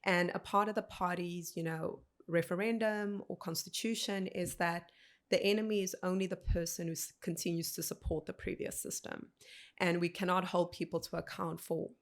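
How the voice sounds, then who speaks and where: Low, gravelly woman telling her story. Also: fairly even intonation. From South Africa. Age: 30s. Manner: earnest, measured storytelling with quoted dialogue. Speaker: guest. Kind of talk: personal storytelling in a podcast interview.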